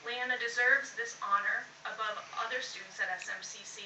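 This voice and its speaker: A woman's voice: a little high, fairly even intonation, brisk, pushed and bright. A woman presenting a college award, reading a formal scripted tribute aloud to honour a student. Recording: echoey room, distant mic, noisy.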